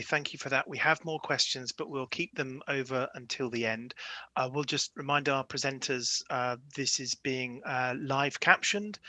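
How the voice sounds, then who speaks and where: A man's voice: medium pitch, sharp tone, no echo. A man moderating a webinar in a polite, formal style.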